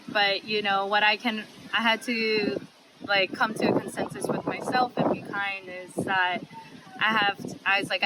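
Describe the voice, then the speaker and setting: Woman from hawaii, kinda hesitant, lots of "like", heavy noise behind her. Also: medium pitch. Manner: hesitant, many "like" fillers. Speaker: interviewee. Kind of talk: casual personal interview.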